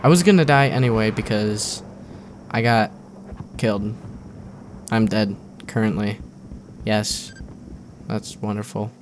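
A man's voice: lowish voice, fairly even intonation, takes it slowly, long pauses. A young man giving casual, joking, rambling commentary over his own gameplay, often sarcastic. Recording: faint gunfire and game noise behind.

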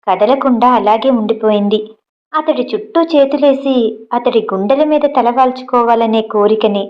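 A woman narrating a romance novel aloud, in a steady, expressive reading. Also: a little high, muffled recording. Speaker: audiobook narrator. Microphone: home recording.

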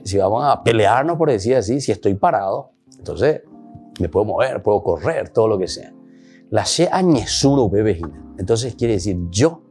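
Paraguayan male priest, low husky voice, sermon cadence, faint music underneath. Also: warm tone. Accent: Paraguayan Spanish. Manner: mixes Spanish and Guarani, with emphatic rises. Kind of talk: sermon reflection.

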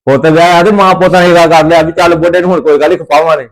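A man's voice: fairly high pitch, fairly even intonation, very fast, lightly acted. A man playing an older father-in-law in a family comedy skit, who rants, repeats himself and threatens his son. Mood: ranting. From Punjab, India. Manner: ranting, repetitive, threatening.

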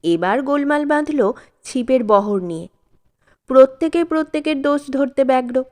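A woman storyteller giving a calm, measured scripted narration of a classic short story. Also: high-pitched.

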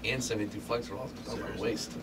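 A man's voice: lowish voice, fairly even intonation, fast, creaky, far from the mic, very noisy. A man co-hosting a morning radio show, rowdy and crude, egging others on.

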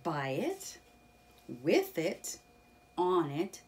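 A woman voicing a cheerful, proud male water rat in a children's storybook reading, in an animated character voice. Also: on the low side, very slow, distant mic, slight background noise, heavily acted. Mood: lively, proud.

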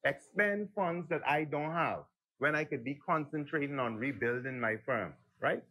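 A man's voice: on the high side, normal speed, sharp tone, poor audio. A middle-aged man with a Bahamian accent giving a heated, rambling, folksy speech as a member of parliament in a legislative chamber.

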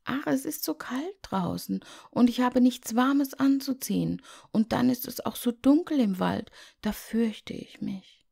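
Little scared girl, lady putting it on, high and pleading. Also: animated, measured pace, gravelly, hardly any pauses, husky, full character voice. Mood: timid. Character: small timid girl Liese.

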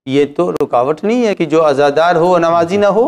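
A man's voice: a little high, normal speed. A man, an Islamic cleric, answering religious questions with emphatic rhetorical questions.

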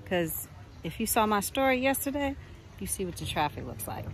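A woman's voice: mid-range voice, sing-song, normal speed, rough recording. A woman hosting a travel vlog outdoors, talking casually and exclaiming with enthusiasm as she tours a farm. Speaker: travel vlogger and tour host. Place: outdoors on a farm and garden tour. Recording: music playing under the voice.

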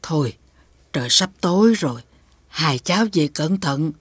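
A woman voicing a kind, generous old grandmother in an animated fairy tale. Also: low-pitched, a little slow, husky, dry recording, full character voice. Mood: doting. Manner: warm, doting speech. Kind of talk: cartoon dub acting.

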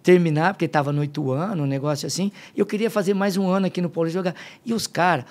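Middle-aged man, slightly high voice. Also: fast talker. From Limeira, São Paulo state, Brazil. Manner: lively storyteller, acts out dialogue. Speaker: podcast guest, fitness coach. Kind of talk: casual storytelling interview.

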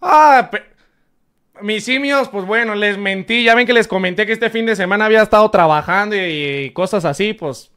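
A young man with a Mexican Spanish accent reacting to clips on a live stream in casual chat, loud and crude, laughing often. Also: sits high, moderate pace, clear, resonant tone.

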